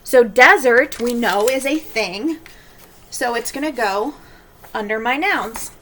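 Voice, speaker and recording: A woman teacher walks through a recorded lesson in a bright, crisp voice. She explains deliberately and draws out key words slowly. A faint hiss sits behind her. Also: a little high, expressive.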